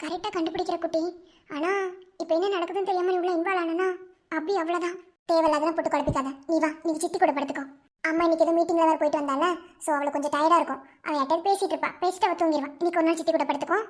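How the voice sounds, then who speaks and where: A woman voicing a reassuring aunt in a cartoon, calming a small child. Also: extremely high pitch, rapid-fire. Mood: soothing. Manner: reassuring, gentle.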